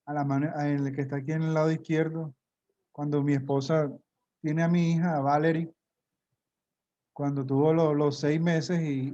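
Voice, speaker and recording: A man, a pastor, giving a measured church testimony alongside his wife. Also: fairly high pitch, mellow, muffled recording.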